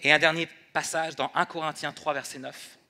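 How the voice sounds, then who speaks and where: A man preaching a sermon in church, moving between soft prayer and light humor. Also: a little high, little pitch movement, moderate pace. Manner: prays softly then preaches with humor. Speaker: pastor.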